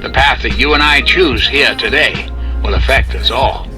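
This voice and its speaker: An actor voicing a calm, menacing male computer AI in a video game, measured and quietly threatening. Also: mid-range voice, music in the background, natural voice, poor audio.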